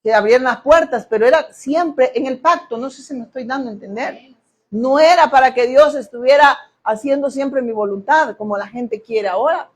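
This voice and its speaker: Woman preaching, high pitched, fired up, keeps asking the church questions. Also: moderate pace. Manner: emphatic, asks the congregation questions and acts out quoted voices. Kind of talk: sermon.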